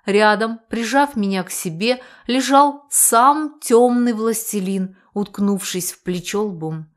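A woman's voice: mid-range voice, slow. Wry woman reading an audiobook. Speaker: audiobook narrator. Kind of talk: first-person audiobook narration.

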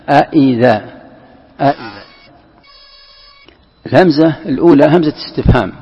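Gravelly-voiced sheikh in an echoey hall. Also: male voice, medium pitch. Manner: patient, repeats key terms, many restarts. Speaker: sheikh teaching Quran commentary. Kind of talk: classroom lesson explaining a text. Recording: echoey hall, muffled lo-fi sound.

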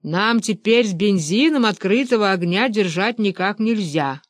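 A man's voice: high-pitched, animated, moderate pace, no room sound. A woman voicing a self-important male minister who declares his views in a storybook reading. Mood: pompous. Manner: pompous, declaiming.

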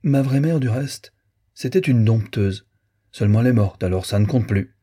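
A man's voice: expressive, moderate pace, warm tone, slightly rough. A man voicing a boastful, defiant small boy who yelps his lines in an audiobook. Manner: shrill yelping.

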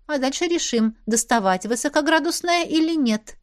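A woman's voice: high-pitched, lively intonation, moderate pace, no echo, studio quality, voice pushed up. A woman voicing a young werewolf woman who playfully teases her friend. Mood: teasing. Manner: playful, prodding, amused.

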